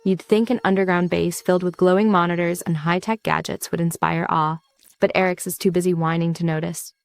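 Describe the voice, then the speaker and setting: A woman's voice: on the low side, little pitch movement, a little fast, clean tone, dry recording. A woman narrating a comic story recap with playful asides to the listener. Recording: dry close recording.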